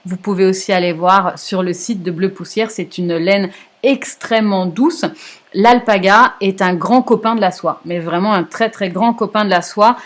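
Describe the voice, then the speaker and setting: A woman's voice: mid-range voice, moderate pace. A middle-aged woman, hosting a yarn shop's live stream in a chatty way, full of hesitations and self-corrections while she answers viewer comments. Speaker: yarn shop host.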